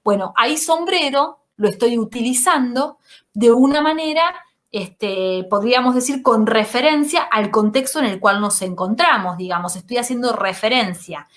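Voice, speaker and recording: A woman's voice: on the high side, normal speed, fairly bright tone. A woman teacher giving a recorded lecture, explaining step by step and often checking in with "¿sí?".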